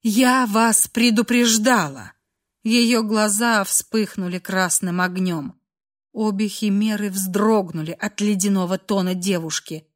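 A woman narrating a dark fantasy story aloud in an emotive storytelling style. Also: medium pitch, steady tone, unhurried. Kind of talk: dramatic audiobook narration.

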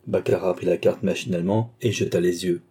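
A man narrating a classic novel in a measured audiobook reading. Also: low voice, fairly even intonation, mellow, breathy edge. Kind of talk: scripted narration.

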